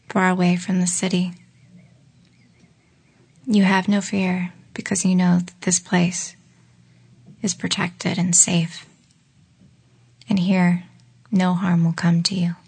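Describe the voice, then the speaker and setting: A woman leading a guided relaxation exercise in a slow, soft voice that often drops into a whisper. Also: fairly low pitch, creaky, slightly rough. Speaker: meditation guide.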